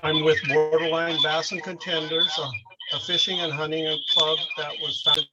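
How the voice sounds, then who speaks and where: A man giving public comment on a remote call. An echo from his own speaker doubles his voice, and he talks haltingly, with fillers and restarts. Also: a little high, level tone, dull audio, over loud music. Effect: echo from his own speaker feeding back into the call. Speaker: hunting club representative giving public comment. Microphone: remote call by computer or phone.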